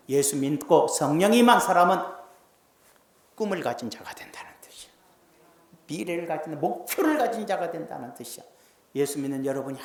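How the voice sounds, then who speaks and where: Male pastor, lively folksy sermon delivery with loud and hushed turns, reverberant sanctuary sound. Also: high voice. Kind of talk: Sunday sermon. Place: church sanctuary. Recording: roomy church sanctuary echo.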